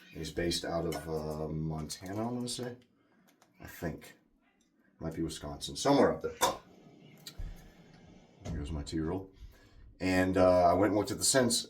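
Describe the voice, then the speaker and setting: A very deep-voiced man talks casually to his camera, hosting a wet shaving channel. His talk rambles easily, full of loose asides and friendly chatter. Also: a little mellow.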